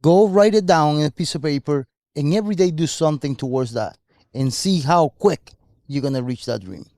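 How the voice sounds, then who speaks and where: A podcast co-host talks earnestly and motivationally about his life in casual conversation, sometimes searching for words. His voice is on the high side and a little mellow, at normal speed, in a dry, studio-quality recording.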